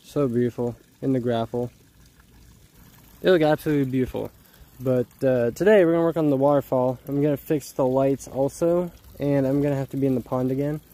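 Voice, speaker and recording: A man casually talking viewers through his work on a project, outdoors in a backyard, in a relaxed and rambling way. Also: medium pitch, a little fast. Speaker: vlogger. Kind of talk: casual DIY vlog narration.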